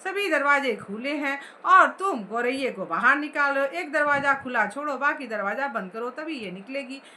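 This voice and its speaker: A woman voicing a soft-hearted, teasing middle-aged mother in a story read aloud in class. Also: high voice, lively intonation, normal speed, a little hiss or hum. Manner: gently mocking, reasoning.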